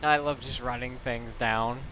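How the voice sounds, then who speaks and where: A man streaming a game live, chatting casually with slow, rambling commentary full of restarts and swearing. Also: mid-range voice, steady tone, sharp tone, slight background noise.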